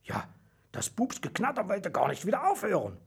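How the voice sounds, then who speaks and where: A man reading a children's story aloud in a lively, sing-song way. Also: sits high, normal speed, creaky, slightly rough.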